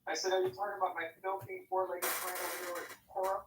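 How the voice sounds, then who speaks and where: A man's voice: high voice, monotone, fast talker. Muffled man's voice, as if through a wall. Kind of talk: casual group audio chat. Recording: muffled, roomy and far from the mic with loud hiss.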